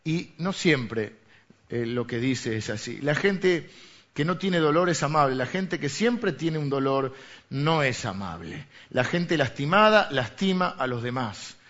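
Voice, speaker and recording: Rioplatense pastor preaching conversationally. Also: male voice, on the high side, lively intonation, unhurried, a bit bright. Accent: Rioplatense Spanish. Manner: conversational preaching with rhetorical questions. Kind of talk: sermon. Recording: dull lo-fi recording.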